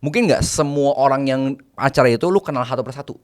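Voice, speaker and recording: Man, interview guest, mid-pitched, casual slang, English phrases mixed in, numbered tips. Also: quick pace. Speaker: guest, private banker.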